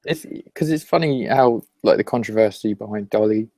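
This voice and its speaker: A man's voice: on the low side, moderate pace, warm tone, no echo. A man co-hosting a casual podcast chat, joking and laughing often as he rambles through his points. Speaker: podcast co-host. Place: at home while eating.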